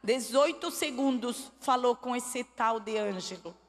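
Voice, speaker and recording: A woman's voice: fairly high pitch, measured pace. A woman telling her testimony in a church, making earnest, pleading appeals to the listener. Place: church hall. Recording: long church hall reverb.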